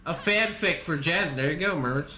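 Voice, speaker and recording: A man's voice: on the high side, animated, normal speed, sharp tone. A man hosting a gaming podcast in casual chat, enthusiastic and exclamatory as he runs through his picks. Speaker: podcast host.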